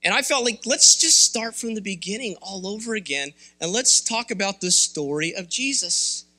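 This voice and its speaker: High-voiced, bright-toned man preaching. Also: lively intonation, normal speed. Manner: conversational, candid, rousing. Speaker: pastor. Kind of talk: sermon. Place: church sanctuary.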